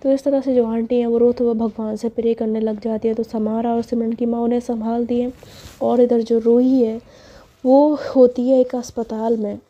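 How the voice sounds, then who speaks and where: A woman's voice: fairly high pitch, level tone, normal speed, dark tone. A woman narrating a serial love story in a conversational, filler-heavy way, on a dull lo-fi recording.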